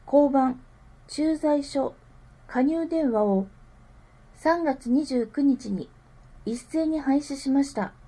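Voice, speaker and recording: A woman reading scripted public information aloud with careful, measured enunciation. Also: high-pitched, warm tone, low-quality recording. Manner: careful enunciation, digits read out slowly one group at a time. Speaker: reader of a town newsletter.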